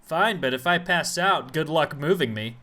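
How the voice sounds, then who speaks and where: A man's voice: a little high, normal speed. A man playing a hungry, goofy officer who jokes and shows off improv voices. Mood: joking. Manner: wisecracking, lively.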